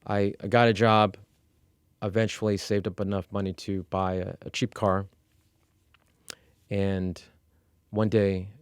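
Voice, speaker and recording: A middle-aged man from Iran tells his own story as an interview guest. His voice sits low and sounds clear and smooth. He speaks in a measured way, with fillers and restarts. The recording is dry and close. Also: dry recording. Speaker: executive coach. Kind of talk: candid personal storytelling.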